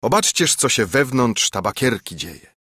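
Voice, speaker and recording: A man's voice: mid-range voice, big pitch swings, a little slow, pushed and bright, breathy edge, no echo, studio quality, full character voice. A man doing a sly old friar preaching. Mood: coaxing. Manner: persuasive, preaching. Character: wily old male friar, sly storyteller.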